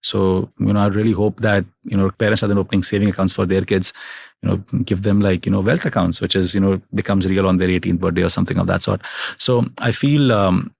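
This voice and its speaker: A man's voice: sits low, fairly even intonation, fast, creaky, no echo. A man as an interview guest, giving thoughtful conversational answers and often tagging "right?" and "you know". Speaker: guest, fintech executive.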